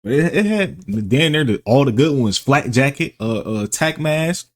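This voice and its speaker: A man's voice: medium pitch, animated, a little slow. A man giving casual, off-the-cuff gaming reactions in slangy, repetitive, stop-and-start phrases.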